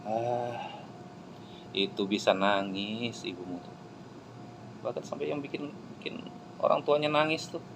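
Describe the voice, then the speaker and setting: A man delivers an impassioned sermon in a lowish voice. He drops to hushed pleading, then rises to loud exclamations. A faint hum of background noise runs beneath him. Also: animated, measured pace, pauses often. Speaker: preacher. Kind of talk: emotional sermon.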